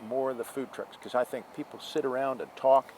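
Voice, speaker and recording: A man's voice: medium pitch, fairly even intonation, fairly quick, darkish tone, slight background noise. A man church member chatting enthusiastically as an interview guest, restarting his sentences as he goes. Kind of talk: casual interview chat.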